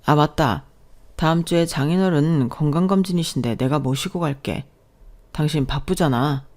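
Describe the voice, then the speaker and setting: A woman reading a gentle, apologetic young husband. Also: low-pitched, normal speed, natural voice. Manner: apologetic, soft-spoken. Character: gentle kind young husband, soft-spoken.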